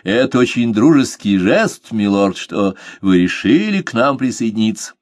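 A man's voice: fairly low pitch, moderate pace, no room sound, clean studio sound. A man voicing a composed, courteous pirate captain who speaks with cool irony. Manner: calm, courteous, mocking. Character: calm, ironic pirate captain, male adult.

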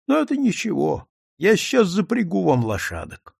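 A man voicing a kind, sorrowful man who speaks low and sadly. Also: wildly swooping pitch, normal speed, gravelly, a little mellow, breathy edge, dry recording, studio quality, heavily acted.

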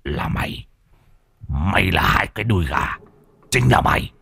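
A man's voice: deep voice, expressive, moderate pace, vocal fry, bright, forceful tone, husky, no echo, exaggerated voice. A man playing a hissing bandit chief. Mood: menacing. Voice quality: hissing, odd foreign-tinged speech. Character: ruthless middle-aged male bandit chief.

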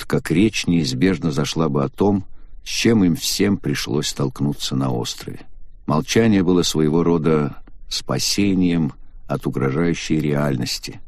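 A man narrating a novel as an audiobook in an expressive, measured way. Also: sits low, no room sound, studio quality.

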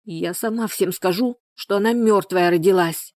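A woman's voice: mid-range voice, steady tone, unhurried, darkish tone, no room sound, clean studio sound, lightly acted. A woman voicing an exhausted, bitter peasant woman in labor who moans and speaks harshly. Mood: hot pleading. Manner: moaning, harsh, desperate.

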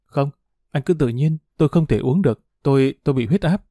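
A man's voice: on the high side, fairly quick, warm tone, dry recording, studio quality, natural voice. A man voicing a frightened young woman who begs and pleads tearfully. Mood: refusing. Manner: pleading, begging.

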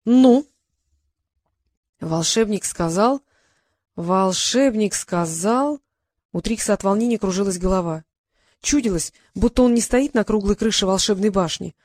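A woman narrating a fairy-tale audiobook in a steady, even storytelling voice. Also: medium pitch, dry recording, studio quality. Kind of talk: scripted narration.

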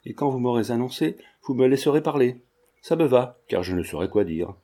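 Blunt stout orange seller lady, read by a man, plain talk, dark tone. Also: medium pitch, expressive, a little fast. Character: plump plain-spoken orange seller woman.

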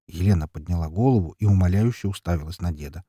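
A man reading an audiobook in an expressive, dramatic narration. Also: low-pitched, fast, slightly rough, no echo, clean studio sound. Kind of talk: scripted narration.

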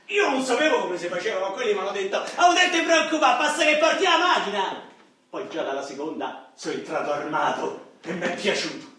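A man with a high, exaggerated voice, speaking a little fast, plays a boastful, lonely, coke-loving Roman ex-robber nearing fifty in a theatrical, streetwise radio-drama monologue. His animated storytelling swings from rueful bragging to self-pity. The sound is echoey, like a stage hall, with a distant mic and faint noise.

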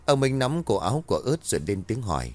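A man narrating a Vietnamese folk ghost story, reading all the dialogue in a calm, even manner. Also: medium pitch, fast.

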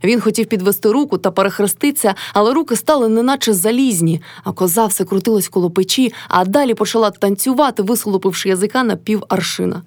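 A woman reading a classic novel aloud as audiobook narrator, with measured storytelling. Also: mid-range voice, darkish tone, no echo.

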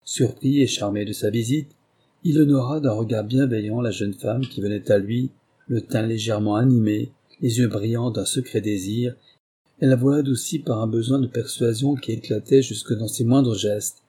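A man reading a 19th-century novel aloud in a measured, literary way. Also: medium pitch, steady tone, warm tone, husky. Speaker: audiobook reader.

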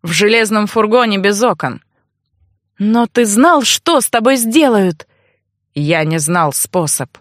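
A woman's voice: mid-range voice, lively intonation, a little slow, no room sound, studio quality, lightly acted. A woman voicing a bitter, angry young man who was once a monster, snarling and resentful, in an audiobook. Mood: sullen.

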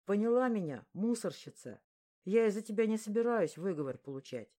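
A woman's voice: mid-range voice, animated, fairly quick, warm tone, close to an everyday voice. Woman voicing a hissing young male bully. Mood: menacing. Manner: menacing, hissing threats.

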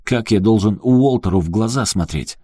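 A man's voice: lowish voice, moderate pace, mellow, breathy edge, dry recording, voice pushed up. A man voicing an insistent, agitated man who presses a friend hard in an audiobook. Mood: heated. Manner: pressing, heated.

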